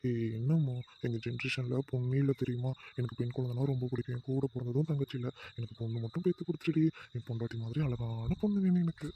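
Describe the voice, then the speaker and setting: A man's voice: medium pitch, quick pace, few pauses, mellow, slight background noise, lightly acted. A man playing a doting young husband who talks to his wife affectionately and teases his mother. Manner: playful, teasing, affectionate. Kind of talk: family comedy skit acting.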